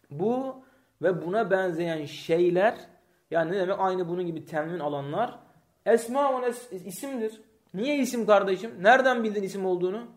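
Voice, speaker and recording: A man's voice: high-pitched, a little mellow. A man teaching a grammar lesson, reading short Arabic lines and explaining them step by step while asking the class questions.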